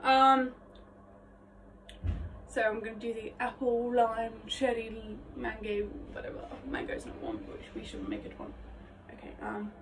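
A young woman vlogging her vocal warmup, chatty, rambling and self-mocking, her voice slightly phlegmy. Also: a little high, lively intonation, unhurried, noisy background. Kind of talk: casual vocal warmup vlog. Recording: voice a bit distant from mic.

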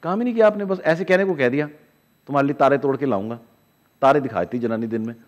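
A man teaching in a casual lecture to camera, animated, acting out inner voices in asides. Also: fast. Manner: animated, acts out inner voices with sudden drops in pitch and loudness. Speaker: spiritual teacher.

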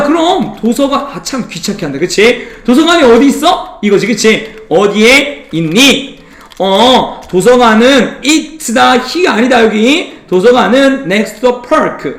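A man's voice: very high voice, fairly bright tone, roomy sound. A man teaching an English lesson in a casual classroom style, playful, keeps checking in with the class and teases students into repeating words. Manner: drills pronunciation, teases students. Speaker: middle school English teacher.

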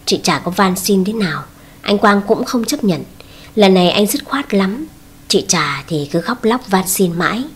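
A woman reads a family story aloud in a steady, even narration with a slightly husky voice. Her pitch sits in the middle of her range. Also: normal speed.

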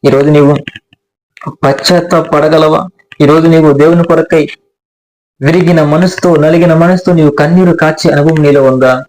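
A man's voice: on the high side, steady tone, normal speed, long pauses, a little mellow, poor audio. Man preaching a fervent sermon. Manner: preaching, repeated appeals to beloved ones, rhetorical questions. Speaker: pastor.

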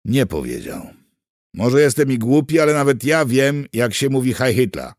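A man's voice: medium pitch, very animated, normal speed, darkish tone, no room sound, clean studio sound, voice pushed up, natural voice. A man voicing an exasperated male militia officer who talks in a raised voice.

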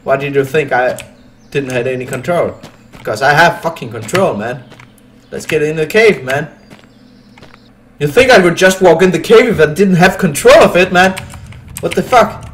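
A young man in casual let's play commentary, swearing a lot, repeating "all right" and shouting in panic during fights. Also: a little high, lively intonation, moderate pace, pauses often, a little hiss or hum. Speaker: gaming YouTuber.

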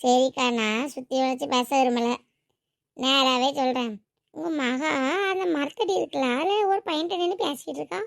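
A woman's voice: sits high, fairly even intonation, normal speed, gravelly, dry recording, clean studio sound. A woman voicing a nosy village neighbor who gossips, chatters and grumbles to herself in a family drama. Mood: confiding. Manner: chattering, self-pitying grumbling.

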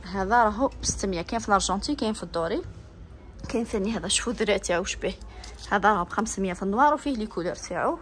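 Inside a bag shop, an Algerian-accented vlogger records on her handheld phone, excitedly naming prices and gushing over each bag. She talks very fast at a medium pitch.

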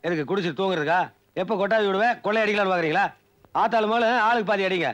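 A man's voice: sits high, rapid-fire, fairly bright tone, highs cut off. An actor playing a gray-haired village man who grumbles and teases in a film scene. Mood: grumbling.

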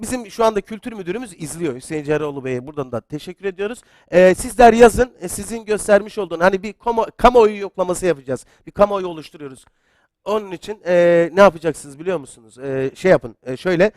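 A high-pitched man hosts a live quiz stream with excitable, chatty energy. He reads viewer comments aloud and pushes the audience along. The sound is dry and close, with almost no room in it. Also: quick pace, no room sound. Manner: excitable, gets loud then apologizes. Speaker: quiz show host.

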